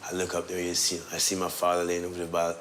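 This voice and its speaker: A middle-aged Jamaican man telling relaxed stories, laughing often and trailing off as he talks. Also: deep voice, quick pace, a little hiss or hum. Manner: laid-back, laughs often, trails off and restarts. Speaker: son of the musician, tour guide. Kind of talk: relaxed storytelling.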